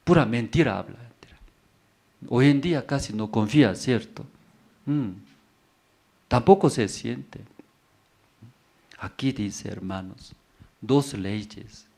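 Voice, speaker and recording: A man preaching a sermon at an unhurried, deliberate pace, his voice sitting at an ordinary middle pitch. He speaks in plain, broken Spanish and keeps circling back to the same phrases. He presses his point with rhetorical questions to the congregation. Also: creaky, a little mellow. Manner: repetitive, emphatic, rhetorical questions; simple, broken Spanish grammar. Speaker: pastor.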